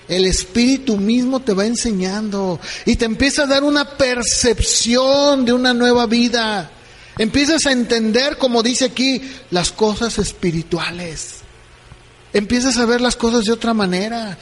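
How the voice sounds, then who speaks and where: A man's voice: very high-pitched, in a large hall. A man preaching a sermon as pastor, questioning his listeners and acting out conversations. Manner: asks the congregation questions, acts out dialogues.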